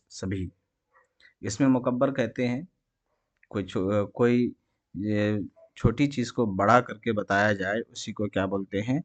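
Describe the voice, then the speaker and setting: Low-voiced man teaching an exam quiz. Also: no echo. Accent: Indian Urdu. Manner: reads each question and its options, then explains the answer. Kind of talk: exam prep lesson, reading quiz answers.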